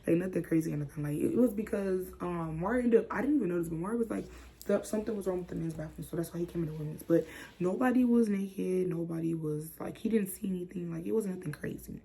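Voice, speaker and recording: A young woman from the chatting casually through a storytime vlog, dropping into whispers and jumping high when she acts out what people said. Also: fast. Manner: animated, acts out quotes with sudden whispers and high squeals. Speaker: vlogger.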